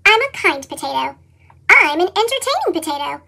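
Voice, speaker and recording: Squeaky sped-up chipmunk voice, a couch potato telling its storybook, super bright and bouncy, swings up and down a lot. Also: fairly quick, vocal fry. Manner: bouncy, expressive, with playful sound effects. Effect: sped-up high-pitched chipmunk voice effect. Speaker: storybook narrator. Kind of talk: read-aloud picture book narration.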